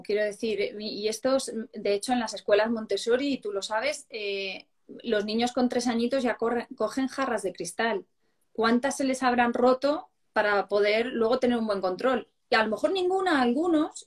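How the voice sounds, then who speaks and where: Higher-pitched woman explaining earnestly. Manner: explanatory, earnest, rhetorical questions. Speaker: psychologist guest. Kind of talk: casual live-stream chat on parenting.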